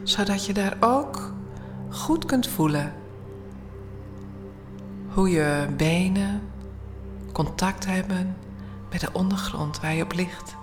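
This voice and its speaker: A woman leading a guided bedtime meditation in a soothing, hushed, often near-whispered voice with long pauses. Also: mid-range voice, music in the background. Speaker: guided relaxation instructor.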